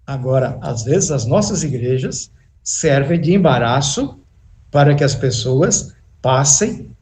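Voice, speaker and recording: A male pastor preaching a sermon in a church, slow and emphatic, with pauses and restarts. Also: on the high side, a little mellow. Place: church sanctuary.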